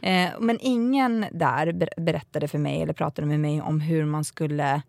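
A woman's voice: low-pitched, creaky, no echo, clean studio sound. A woman in her thirties chatting casually, telling a personal story with lots of filler phrases and acting out what people said. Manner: animated storyteller who acts out quoted dialogue.

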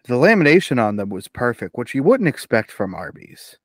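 A man's voice: medium pitch, sing-song, fairly quick, no echo. Rambling podcast co-host guy, dry sound. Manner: rambling, filler-heavy. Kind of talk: casual chat.

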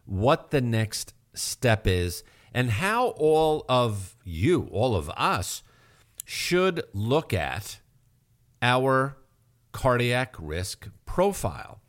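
Lively slow-talking male health show host. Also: medium pitch. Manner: explanatory, emphatic, rhetorical questions. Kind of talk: radio health talk.

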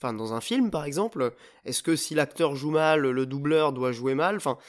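A man's voice: a little high, expressive, normal speed. A man hosting a casual podcast chat, talking hesitantly with many filler sounds and restarts. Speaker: podcast host.

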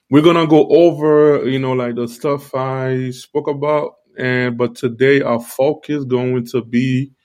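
A live-stream preacher gives a casual, halting devotional talk while suffering a toothache, repeating phrases as he speaks around a sore tooth and gum. His medium-pitched, slightly mellow voice is a little changed by his sore mouth and tongue-led articulation.

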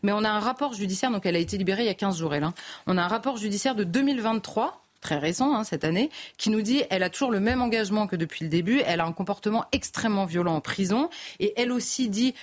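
A woman's voice: medium pitch, animated, quick pace. A woman on a television debate panel, recounting court testimony with many hesitations and restarts. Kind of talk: live TV news debate commentary.

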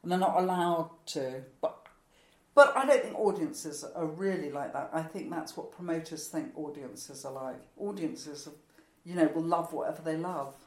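With a voice that sits low and a normal speaking speed, a female stand-up in her sixties chats through an interview, mocking herself, wandering off topic and laughing frequently. The room is echoey.

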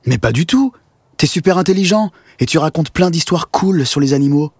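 A man's voice: on the low side, fairly quick, natural voice. A man voicing a nervous, teasing young schoolboy in an audio story.

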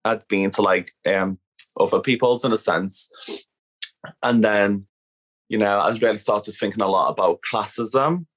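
This woman's voice is a rumbling low, and she speaks a little slowly. She's an activist from Liverpool with a heavy Scouse accent, chatting frankly and casually at home as an interview guest and saying "like" a lot.

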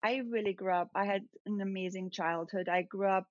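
A woman's voice: mid-range voice, steady tone, brisk, dry recording. A woman from Austria, a makeup artist, chatting casually on a podcast and laughing often. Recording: dull dry remote mic sound.

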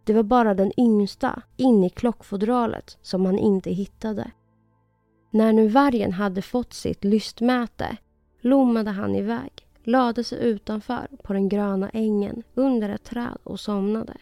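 Mellow woman reading a fairy tale. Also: medium pitch, steady tone, no room sound, soft background music. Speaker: storyteller.

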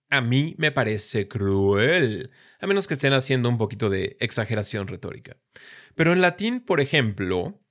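A man explaining in a clear, steady voice at a middle pitch. He slows right down to pronounce words syllable by syllable, and now and then drops in a lightly humorous remark. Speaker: teacher. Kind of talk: scripted educational explanation.

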